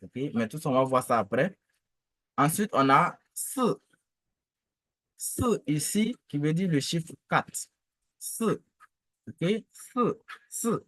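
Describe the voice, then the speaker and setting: A male teacher walks through tones one syllable at a time. He speaks slowly and patiently, with a repeated, drilling manner. His voice sits in a dry, close space with no reverb. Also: on the high side, very animated, a bit bright. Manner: patient, repeats each syllable several times. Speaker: language teacher.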